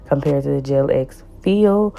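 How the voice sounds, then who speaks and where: This nail tech vlogger's low female voice is raspy, deep and hoarse because she has the flu. Speaking a little slowly in a casual voice-over tutorial, she repeats words to stress them and slips in warm, pleading asides.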